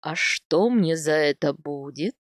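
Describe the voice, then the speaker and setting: A woman reading aloud, voicing a playful young steppe husband in a lowered, eager, teasing voice. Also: unhurried, dry recording, studio quality, lightly acted.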